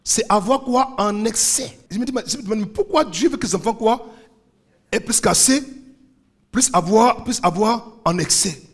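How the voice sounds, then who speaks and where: A man's voice: sits high, normal speed, breathy edge. A man preaching a sermon as pastor, with fervent call-and-response and rhythmic repeated refrains. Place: church service.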